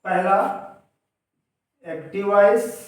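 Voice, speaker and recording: Male teacher, high-pitched, distant from the mic, step-by-step classroom explaining, asks and answers his own questions. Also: very slow. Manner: addresses students directly. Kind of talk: classroom grammar lesson. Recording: echoey room, voice away from the mic.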